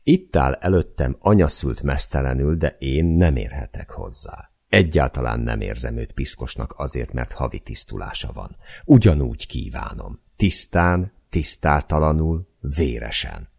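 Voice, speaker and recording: A man narrates an audiobook in the first person, close and measured. His voice sits extremely low, with a gravelly, husky grain. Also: expressive, a little mellow.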